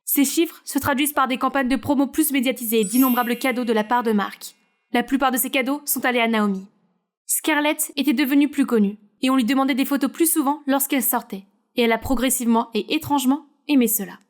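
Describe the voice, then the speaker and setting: A woman narrating an animated story in the first person and voicing its characters. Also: high voice, fast.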